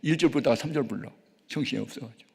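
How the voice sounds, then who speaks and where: Older Korean pastor with gravelly voice. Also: male voice, mid-range voice, very fast. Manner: animated storytelling, acting out dialogue with shouts and hushed asides. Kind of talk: sermon with storytelling testimony. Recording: long hall reverb.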